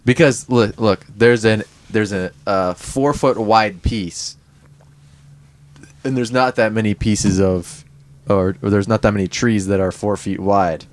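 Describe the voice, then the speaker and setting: A man co-hosts a casual podcast chat in a parking lot near a van, laughing often and explaining things loosely. His voice is lowish, with fairly even intonation and a measured pace.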